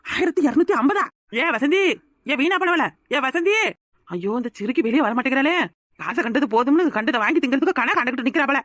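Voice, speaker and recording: A woman voicing an outspoken young village woman in a cartoon, with a southern Tamil Nadu rural accent, who shouts and scolds. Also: high voice, expressive, very fast, dry recording, studio quality. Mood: outraged. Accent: southern Tamil Nadu rural dialect. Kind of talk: cartoon voice acting.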